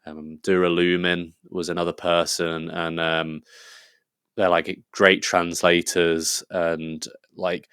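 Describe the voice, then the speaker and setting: Very deep-voiced English man, rambling. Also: little pitch movement, slow pace, fairly bright tone, smooth, no room sound, clean studio sound. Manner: rambling and enthusiastic, many fillers and restarts. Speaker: podcast guest. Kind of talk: casual conversational interview.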